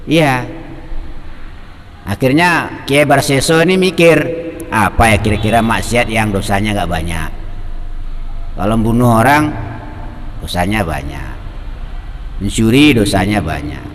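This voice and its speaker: A male Islamic preacher, teaching and telling a story in a lively, colloquial manner, quoting Arabic. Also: on the low side, a little slow, long pauses, long reverb tail, a little hiss or hum. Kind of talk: sermon on a classical text.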